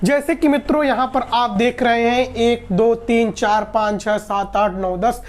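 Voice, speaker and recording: A woman's voice: a little high, steady tone, measured pace, a little mellow. Woman teaching in speech. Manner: explanatory, repeats and rephrases, asks and answers own questions. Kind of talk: exam-prep lecture.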